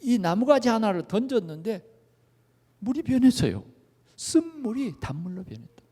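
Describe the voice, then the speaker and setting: A male pastor with a high voice preaches with lively rises and falls, often putting questions to the congregation. His voice rings out through a spacious, echoing church sanctuary. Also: normal speed, slightly rough. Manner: animated, asks the congregation questions. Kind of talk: sermon. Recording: echoey church hall.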